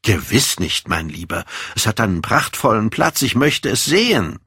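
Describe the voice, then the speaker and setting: A man reading an audiobook, voicing an earnest, devoted middle-aged painter who gently insists. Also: lowish voice, very animated, normal speed, breathy edge, no echo, clean studio sound, full character voice.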